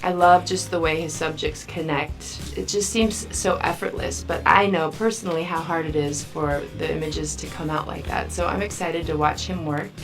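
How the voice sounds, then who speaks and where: A woman with a fairly low voice talks in a chatty, enthusiastic way, an interview confessional from a photographer. Faint music sits behind her. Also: steady tone, moderate pace, few pauses.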